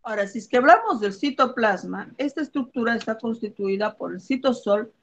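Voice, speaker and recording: A woman's voice: on the high side, animated, a little fast, highs cut off. A woman teaches a biology review lesson, walking through examples and checking in with her students as she goes. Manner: explains with everyday examples, checks in with "¿ok?" and "¿ya?".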